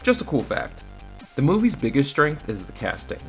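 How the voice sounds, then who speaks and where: A film reviewer and video host narrates a scripted review in a casual, wry, opinionated manner over faint background music. His mid-range voice is creaky and a bit bright, swinging hugely in pitch at a normal speed.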